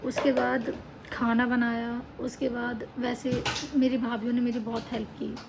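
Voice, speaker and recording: A young woman records a casual vlog at home, sounding worn out as she chats and grumbles. Her voice sits high with a gravelly edge, and the noisy home recording carries children's play and crying behind her. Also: little pitch movement, normal speed. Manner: chatty, tired and complaining. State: tired. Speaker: vlogger. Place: indoors at home. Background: child crying and playing.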